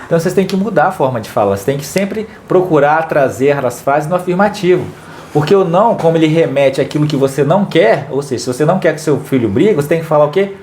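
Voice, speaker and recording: A man's voice: on the high side, lively intonation, quick pace, a little mellow, slight background noise. A man co-hosting a family advice talk, explaining patiently and repeating key words for emphasis. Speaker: co-host giving family advice. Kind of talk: casual talk to viewers.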